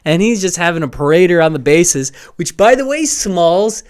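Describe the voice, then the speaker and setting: Podcast co-host, male, animated and smooth-voiced, mimics characters. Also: normal speed. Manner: animated, swearing, acts out movie lines in high voices. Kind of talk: casual movie chat.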